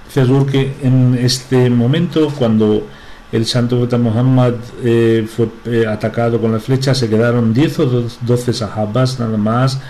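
A man delivers a religious talk at an unhurried, slow pace. His voice is dark and mellow, and he speaks haltingly, often restarting words and pausing with filler sounds. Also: medium pitch, steady tone, a little hiss or hum, poor audio.

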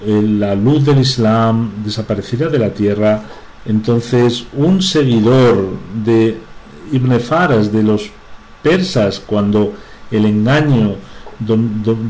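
A man giving a religious talk in a halting way, with frequent restarts and filler sounds. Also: on the low side, darkish tone, poor audio. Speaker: religious speaker.

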